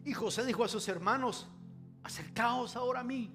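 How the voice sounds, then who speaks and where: High-voiced preacher, loud then hushed. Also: male voice, soft background music. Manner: stretches words slowly for emphasis, swings from loud to hushed. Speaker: pastor. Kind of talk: sermon with live interpretation.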